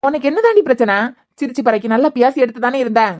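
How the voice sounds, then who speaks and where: A woman's voice: high-pitched, big pitch swings, fast, a little mellow. Patient cartoon husband, playful and pleading, Kanyakumari Tamil accent, played by a woman. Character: teasing patient young husband. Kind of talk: cartoon web series voice acting.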